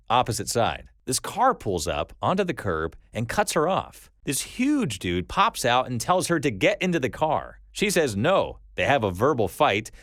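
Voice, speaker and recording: A man's voice: mid-range voice, fairly bright tone, no echo, studio quality. A man narrating reader-submitted stories as a scripted read-aloud for his story channel.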